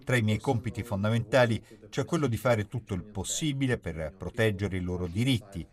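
A man reading an Italian voice-over for an interviewee, measured and earnest. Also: on the low side.

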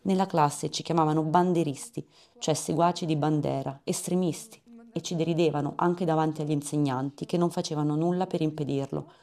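Donna dalla voce bassa e ruvida. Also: female voice, fairly even intonation, brisk, mellow. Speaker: Italian voice-over of a teenage girl's testimony. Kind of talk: dubbed testimony voice-over.

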